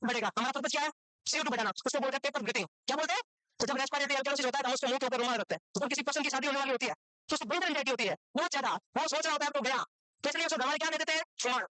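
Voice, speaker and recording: A woman's voice: high voice, racing, sharp tone, no echo, poor audio. A woman teaching a medical lecture, constantly firing rhetorical questions at her students and repeating the answers back, with English medical terms mixed in.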